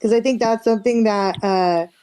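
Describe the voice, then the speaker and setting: A woman's voice: medium pitch, moderate pace, mellow, clear, resonant tone. Casual swearing woman. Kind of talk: casual stream chat.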